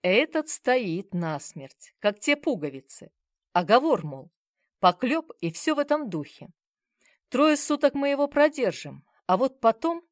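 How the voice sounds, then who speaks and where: A gruff, sardonic police investigator, read by a woman for an audiobook. His lines come out blunt and brisk with plenty of lift and swing in the pitch. The sound is close and dry. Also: sing-song, dry recording. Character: gruff middle-aged male police investigator. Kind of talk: audiobook character voice.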